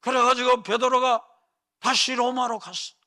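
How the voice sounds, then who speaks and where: A male pastor preaching a fervent sermon, often calling out to the congregation and building to shouted peaks. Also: very high-pitched, fairly even intonation, normal speed.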